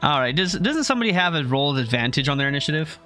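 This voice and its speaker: Halting male game master. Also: a little high, very animated, sharp tone, soft background music. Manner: halting, many fillers and restarts. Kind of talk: narrating a homebrew tabletop game.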